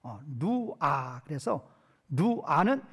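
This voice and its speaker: A male pastor giving an expository Bible lecture, posing questions to his hearers and answering them himself, reading verses slowly. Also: fairly high pitch, very animated, fairly bright tone, slightly rough. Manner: reads verses slowly and drawn out.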